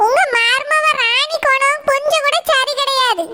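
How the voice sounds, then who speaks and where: A gentle cartoon woman, who soothes and reassures in measured words. The voice is pitched very high and sounds bright and sharp. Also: fairly even intonation, heavily acted. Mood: consoling. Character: calm consoling younger sister-in-law. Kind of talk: cartoon voice acting.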